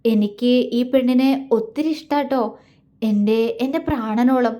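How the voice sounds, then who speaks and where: A woman voicing a young male lecturer who speaks softly and teases. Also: high-pitched, moderate pace, close to an everyday voice. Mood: teasing. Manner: soft-spoken, teasing.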